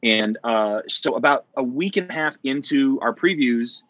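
Male theatre actor guest, mid-pitched, rambling anecdote with lots of restarts. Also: lively intonation, normal speed, fairly bright tone, no echo, poor audio. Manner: rambling, full of fillers and self-corrections. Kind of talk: casual chat.

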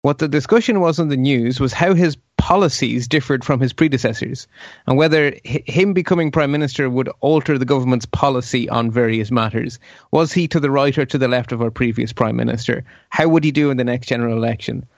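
A man's voice: mid-range voice, brisk, dry recording, highs cut off. A man with an Irish accent co-hosting a casual panel chat, talking hesitantly and repeating words. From Ireland. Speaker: podcast co-host.

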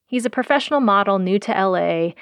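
In a fairly quick, expressive medium-pitched voice with a fairly bright, clean tone, a Korean-born, US-raised woman hosts and produces an audio documentary. Her scripted narration is wry and sardonic, peppered with pop-culture slang, and there's no room sound.

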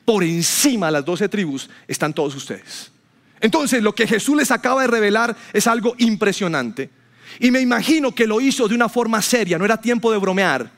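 High-voiced male pastor preaching. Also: lively intonation, moderate pace, a bit bright. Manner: storytelling, acts out quotes with rising voice. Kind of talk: sermon. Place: church hall with congregation.

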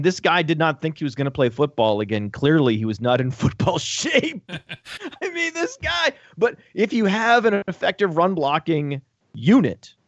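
A man talking fantasy football on a casual sports podcast, excitable and joking, with profane rapid asides. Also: on the high side, dry recording. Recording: dull lo-fi dry audio.

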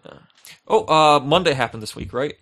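Animated young man telling a story. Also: on the high side, moderate pace. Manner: animated storyteller, acts out exaggerated retellings. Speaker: podcast co-host. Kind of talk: casual podcast banter.

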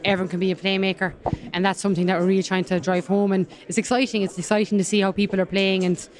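A woman with a Kerry, west of Ireland accent talks in a casual sports interview. She explains things earnestly and quickly as a player, with little rise and fall in her pitch. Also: little pitch movement. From County Kerry, Ireland. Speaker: rugby player being interviewed.

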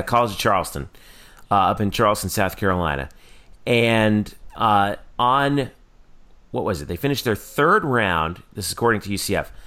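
A male sports podcast host with a fairly low voice. He talks casually and haltingly, often pausing and restarting as he hunts for the next detail. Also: a bit bright. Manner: halting, searching for words.

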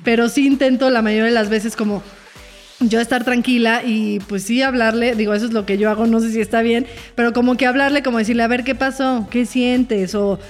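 A woman's voice: fairly high pitch, fairly even intonation, brisk, soft background music. A woman, hosting a podcast and chatting casually as a mother, acting out family dialogue with many fillers. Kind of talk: casual chat.

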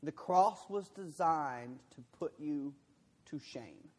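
A man preaching a sermon as a pastor, talking conversationally, mocking in quoted voices and dropping quiet and heavy in his pauses. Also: on the high side, lively intonation, slightly rough, in a large hall.

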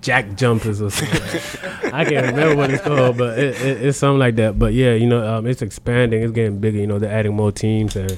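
A man's voice: medium pitch, fairly even intonation, fast, few pauses, a crowd in the background. A young man from South Sudan, raised in Australia, talking casually as a basketball player guest in a laid-back, slangy way. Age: young adult. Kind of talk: casual interview.

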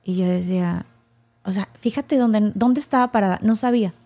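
Her voice medium-pitched and her pace normal, a woman guesting on a podcast recounts a personal story with feeling. She brings it to life animatedly, performing the lines of the people in it.

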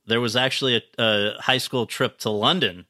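A man's voice: medium pitch, steady tone, normal speed, sharp tone, no echo, studio quality. A man hosting a podcast, reading a prepared introduction and then asking earnest, well-prepared questions. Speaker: podcast host. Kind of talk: scripted intro then interviewing.

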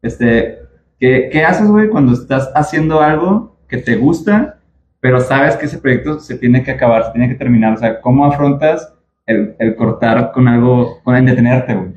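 A man's voice: medium pitch, moderate pace, a little mellow, slight background noise. A male podcast host asks loose, rambling questions full of casual slang. His voice sits in a roomy space, slightly dull in tone, with faint ambience underneath. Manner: chatty, informal, uses slang fillers. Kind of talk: casual interview. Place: booth at a festival.

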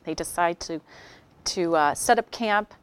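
A woman giving a workshop talk to an audience, telling stories with animated acted-out quotes. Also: fairly low pitch, a little slow, a little hiss or hum. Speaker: workshop speaker.

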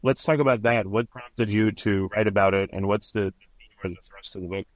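Low-voiced male podcast host. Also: fairly even intonation, normal speed, low-quality recording. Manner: plain, conversational questioning. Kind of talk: interview questions.

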